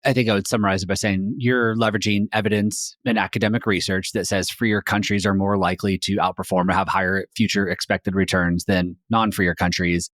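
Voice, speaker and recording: Guy hosting a podcast, real low voice, measured questions, dry close mic. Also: level tone, fairly bright tone, dry recording. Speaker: podcast host. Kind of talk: interviewing a guest.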